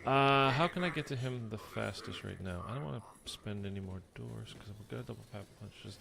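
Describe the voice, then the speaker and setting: A man with a lowish, creaky voice talks briskly while playing zombies on stream, with background noise behind him. His casual gameplay commentary rambles, full of fillers, and he sounds clogged and congested.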